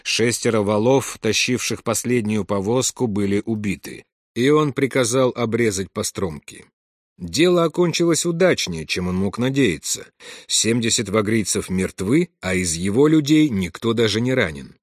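A man reading a war story aloud in measured scripted narration, dropping to a hush for whispered lines. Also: on the low side, animated, dry recording, clean studio sound. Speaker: audiobook narrator.

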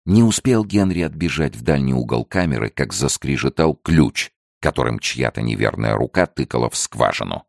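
A man reading an adventure story aloud in measured, expressive scripted narration. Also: very deep voice, creaky, no room sound, studio quality. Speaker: audiobook narrator.

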